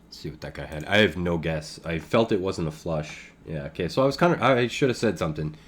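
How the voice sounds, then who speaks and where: A man's voice: sits low, expressive, fairly quick. A man commenting on his own online poker game in casual, thinking-aloud talk, with many fillers and chuckles.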